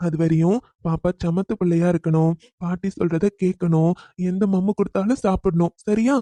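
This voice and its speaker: A woman voicing a loving young father who talks in a warm, reassuring way. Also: on the low side, fairly even intonation, brisk, no room sound, lightly acted. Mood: tender. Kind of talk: cartoon voice acting.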